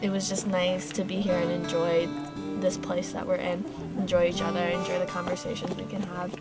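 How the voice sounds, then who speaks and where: A woman calmly reflecting on her time at a camp. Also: fairly low pitch, moderate pace, loud music behind the voice. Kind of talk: reflective interview. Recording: distant mic.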